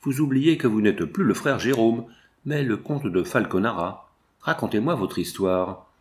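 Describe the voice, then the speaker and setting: A man's voice: lowish voice, expressive, measured pace. A man reading the part of a domineering prince in a stern, scornful tone. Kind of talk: audiobook character reading.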